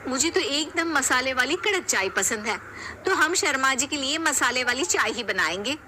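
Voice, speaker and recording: A woman's voice: high voice, animated, normal speed, sharp tone, a little hiss or hum, voice pushed up. A woman voicing a haughty eldest daughter-in-law in a cartoon story. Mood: bossy.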